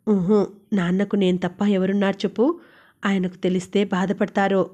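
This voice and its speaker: A woman voicing a gentle, wistful young working woman talking with her roommate and father. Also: medium pitch, flat delivery, normal speed, breathy edge, natural voice.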